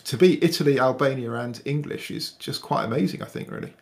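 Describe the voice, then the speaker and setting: A man's voice: mid-range voice, fairly quick, creaky, a crowd in the background. Hesitant man in casual chat. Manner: hesitant, restarts words, thoughtful. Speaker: podcast guest.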